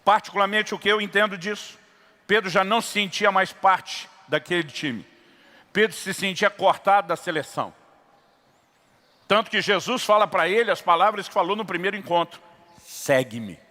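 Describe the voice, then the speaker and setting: A middle-aged pastor with a Brazilian Portuguese accent tells a story in his sermon and plays the voices in it. His voice is high and bright. The long reverb of a church hall carries behind him. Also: moderate pace. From São Paulo state, Brazil. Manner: acts out dialogue in a story, builds to impassioned preaching.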